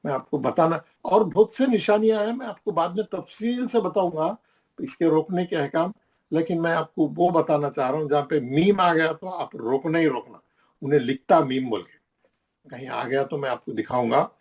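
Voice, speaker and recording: A man's voice: fairly high pitch, moderate pace, darkish tone. Emphatic man teaching a class. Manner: repetitive, emphatic, points at the page while explaining. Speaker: Quran recitation teacher. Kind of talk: classroom lesson explaining recitation rules.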